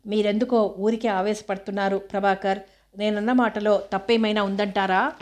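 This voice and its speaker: Smug, unruffled man taunting a rival, read by a woman narrator; even, level tone. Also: medium pitch, moderate pace, natural voice. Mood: mocking. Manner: calm, needling, lecturing. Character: smug, mocking adult man, cool under pressure.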